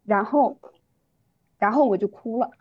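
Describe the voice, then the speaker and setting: A young woman recounting a school anecdote in lively casual podcast chat. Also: a little high, a little slow, husky, no room sound. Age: young adult. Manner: animated anecdote telling. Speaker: podcast guest. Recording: dull lo-fi dry sound.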